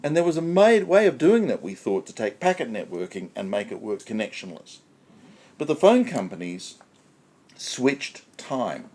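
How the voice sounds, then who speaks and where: A man's voice: medium pitch, very animated, normal speed, darkish tone. A man on a conference panel explaining technical history step by step, repeating key points for emphasis.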